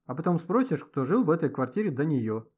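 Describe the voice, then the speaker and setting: Male reader doing a brash slangy teen ringleader, lively pitch, husky, lo-fi audio. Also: brisk. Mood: cocky, brash. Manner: cocky, blunt, slangy. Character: brash bossy teenage boy ringleader. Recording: dull lo-fi audio.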